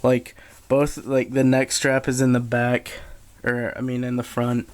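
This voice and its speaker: This is an off-the-cuff gear review from a man who collects military surplus. He speaks in a subdued, stop-and-start manner, pausing often, while steady background noise runs under the handheld camera recording.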